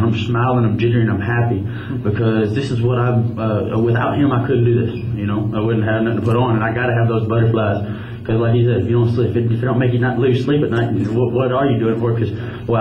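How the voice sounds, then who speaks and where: A man, a fighter, answering at a press conference with punchy, boastful talk. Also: mid-range voice. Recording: echoey, noisy room, distant mic, dull sound.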